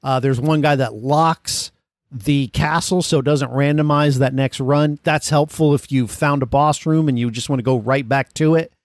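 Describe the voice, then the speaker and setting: A man's voice: mid-range voice, steady tone, moderate pace, no echo, studio quality. A man hosting a casual gaming podcast, explaining things in a conversational way. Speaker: podcast host.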